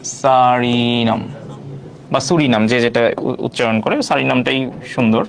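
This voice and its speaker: A man's voice: medium pitch, moderate pace, creaky, slight background noise. A man teaching an online quiz class, repeating each question and prompting viewers to answer.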